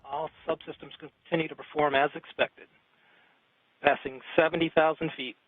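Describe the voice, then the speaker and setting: A man's voice: on the high side, flat delivery, normal speed, narrow, tinny audio. A man working as a launch controller, making technical status callouts in a clipped, procedural delivery. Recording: very loud noise over the voice.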